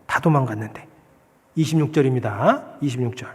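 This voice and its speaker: A man's voice: mid-range voice, slightly rough. Guy preaching a sermon in a big echoey church hall, earnest, lots of questions to the room. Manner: earnest preaching with rhetorical questions and slow emphatic scripture reading. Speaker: pastor. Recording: long hall reverb.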